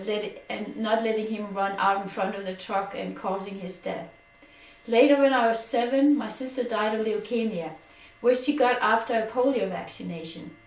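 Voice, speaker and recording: A middle-aged Danish woman giving an earnest personal testimony, her voice sinking quieter on sad memories. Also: mid-range voice. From Denmark. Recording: echoey room, distant from mic.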